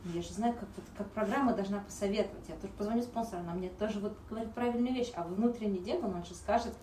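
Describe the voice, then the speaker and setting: A woman's voice: medium pitch, racing, mellow. Rambling woman, distant and roomy. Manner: rambling, searching for words. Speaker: support group member. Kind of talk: sharing at a recovery group meeting. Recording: roomy, distant, faint background noise.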